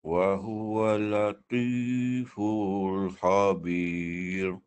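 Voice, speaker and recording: A man with a Malaysian Malay accent speaks slowly in a somewhat low voice over a video call. He repeats Quranic words after his teacher, sounding hesitant as he tries each one. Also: steady tone, a little mellow, smooth. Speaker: student.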